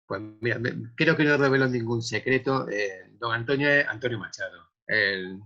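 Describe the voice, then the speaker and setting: A man from Andalusia with a softened Andalusian accent, a poet speaking reflectively and hesitantly in an interview. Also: medium pitch, moderate pace, muffled recording. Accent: softened Andalusian Spanish. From Andalusia, Spain. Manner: reflective, hesitant, many repeated words. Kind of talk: remote interview conversation.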